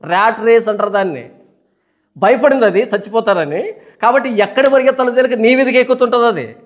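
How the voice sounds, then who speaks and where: A man with a high voice preaches a Bible study sermon. He tells vivid stories and fires rhetorical questions at his listeners, pushing and then easing his pitch. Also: fairly quick. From India. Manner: animated storytelling with rhetorical questions. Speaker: pastor.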